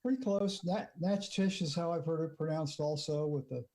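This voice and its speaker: A man in the audience chimes in with a helpful explanation. His voice sits somewhat high but has a soft, mellow tone. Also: brisk. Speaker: audience member.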